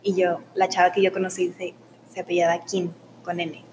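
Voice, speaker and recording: Interviewee: young woman, low-ish voice, relaxed casual answers peppered with fillers, faint background hiss. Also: brisk, rough recording. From Mexico. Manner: soft-spoken, uses many fillers like "o sea" and "como que".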